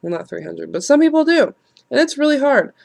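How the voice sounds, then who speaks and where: A vlogger in her late twenties, congested and nasal from a cold, rambles frankly through a casual vlog, swearing and laughing at herself. Her high-sitting voice is very animated and a little fast, with vocal fry and a darkish tone.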